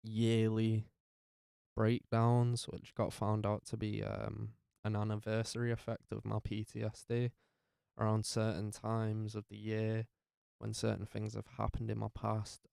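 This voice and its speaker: A tired young man, telling his life story to camera in a halting way, full of fillers and restarts. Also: fairly low pitch, vocal fry, mellow, smooth, no room sound, clean studio sound. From North West England. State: tired, up very early. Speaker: vlogger.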